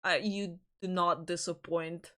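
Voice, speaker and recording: A woman's voice: fairly low pitch, flat delivery, a little slow, fairly bright tone. A woman hosting a livestream, chatting casually with viewers in a giggly, rambling way, often restarting her sentences. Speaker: livestream host.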